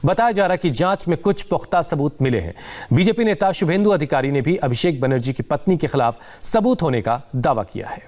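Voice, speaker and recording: A man's voice: on the high side, animated, fairly quick, a little mellow. A man reading a news bulletin as an anchor, in urgent, punchy headline style. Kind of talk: scripted news bulletin delivery.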